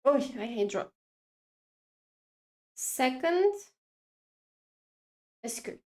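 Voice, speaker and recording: High-voiced, slow-talking woman streamer. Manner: rambling, self-interrupting, excitable. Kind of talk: casual stream chat while drawing.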